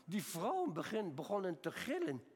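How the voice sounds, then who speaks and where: A man in his seventies preaching a sermon, telling personal stories and moving between quiet, slow passages and raised, emphatic appeals. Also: sits high, wildly swooping pitch, husky. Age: 70s. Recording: long hall reverb.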